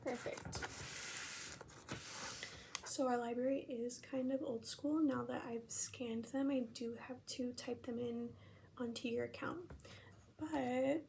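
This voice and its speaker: Soft, high American woman, ASMR role-play. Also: fairly even intonation. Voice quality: soft-spoken, breathy near-soft voice. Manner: gentle, unhurried library soft voice. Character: friendly, chatty young female librarian. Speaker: ASMR performer playing a librarian at checkout. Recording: faint background noise.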